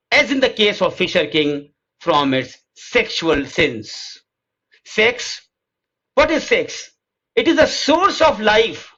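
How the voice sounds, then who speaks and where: A man teaching literature, stepping slowly through English points and then explaining them quickly in Hindi, often asking questions and answering them himself. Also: sits high, bright, forceful tone, husky. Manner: slow, deliberate English lines and rapid Hindi explanations. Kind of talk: lecture mixing Hindi and English. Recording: dull lo-fi recording.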